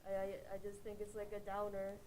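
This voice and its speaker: A woman in a workshop talks casually in a flat voice, filling her sentences with little pauses and fillers. She sits away from the mic, with clear room noise behind her. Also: mid-range voice. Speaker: workshop participant. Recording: distant, noisy room.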